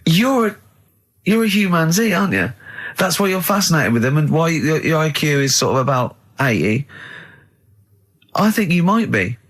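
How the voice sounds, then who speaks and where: A man's voice: a little high, sing-song, moderate pace, long pauses, fairly bright tone. English man, radio host, rambling teasing talk, studio chat. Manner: chatty, rambling storyteller who teases. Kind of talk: casual radio banter and anecdotes.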